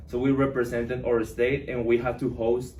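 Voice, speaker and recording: A man's voice: mid-range voice, level tone, normal speed, a little mellow, slight background noise. Young man hosting an interview. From Mexico. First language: Spanish. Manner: eager, restarts his sentences. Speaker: podcast host. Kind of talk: casual interview. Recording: roomy echo, distant mic.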